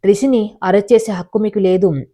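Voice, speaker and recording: Woman reading a firm older brother, company boss, mellow low voice, storybook. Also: fairly quick, lightly acted. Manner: firm, commanding. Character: adult male company chairman, protective elder brother.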